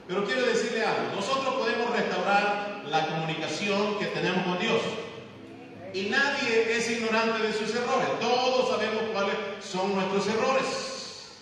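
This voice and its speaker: A male pastor preaching emphatically, acting out scenes and stretching out key phrases. His high voice bounces around a very echoey church hall, picked up from a distance over a faint hiss. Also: fairly bright tone. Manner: emphatic preaching, acts out dialogue, drawn-out pauses. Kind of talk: sermon.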